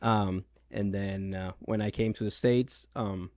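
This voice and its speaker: A man's voice: lowish voice, fairly even intonation, a little slow, a little mellow, dry recording, studio quality. A man in his thirties from Venezuela with a Venezuelan Spanish accent, a realtor answering interview questions with many ums and restarts. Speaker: realtor, guest. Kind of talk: casual interview.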